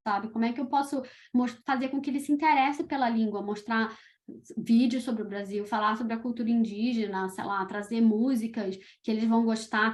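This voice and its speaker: Chatty Brazilian-born woman with a higher voice. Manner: chatty, animated storytelling with fillers like "tipo" and "sabe". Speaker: podcast creator, guest. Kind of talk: casual interview chat.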